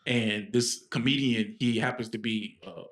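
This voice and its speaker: A man's voice: lowish voice, steady tone, a little slow, fairly bright tone. A man co-hosting a podcast, telling a story in a rambling, casual way with many fillers and restarts. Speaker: podcast co-host.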